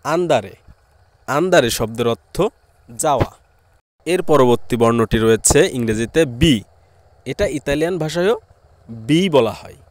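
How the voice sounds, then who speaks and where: A man from Bangladesh, speaking with a Bangladeshi Bengali accent, teaches a language lesson, slowly repeating each word and its meaning. His voice is medium in pitch with lively intonation.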